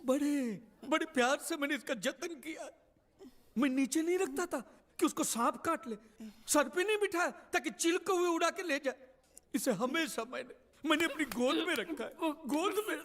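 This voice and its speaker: A man's voice: very high-pitched, normal speed, a bit bright. An actor playing a scheming poor man who pleads with his lord in a melodramatic way, in a film comedy. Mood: pleading.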